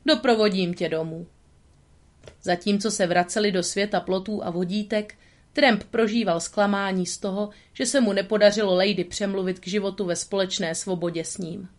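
Brief: woman narrator, calm and steady storybook reading. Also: mid-range voice.

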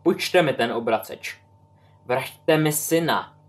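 A man's voice: medium pitch, lightly acted. A man voicing an old wizard, a bitter grieving father pleading insistently.

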